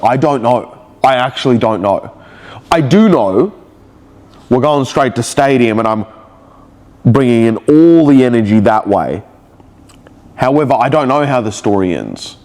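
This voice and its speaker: A man with a mid-range, slightly mellow voice sounds nasal from a cold. In a confessional video diary, this vlogger rambles emotionally and keeps searching for words.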